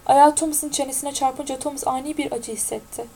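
A woman narrating an audiobook in a steady, even-toned reading. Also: high voice, brisk, low-quality recording.

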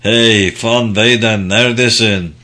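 A man's voice: low-pitched, steady tone, measured pace, bright, forceful tone. A man reading the part of a stricken, frightened sea captain in an audiobook, weak and fearful.

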